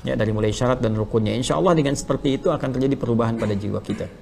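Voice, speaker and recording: Fast-talking gravelly male preacher. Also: mid-range voice. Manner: swings from loud emphatic teaching to hushed, prayerful recitation. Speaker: Islamic preacher. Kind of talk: sermon answering a question.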